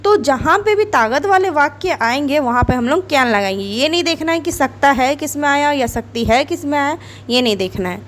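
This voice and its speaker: High-voiced woman teaching English. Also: animated, normal speed. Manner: chatty, explains with everyday examples. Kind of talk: spoken English lesson to camera.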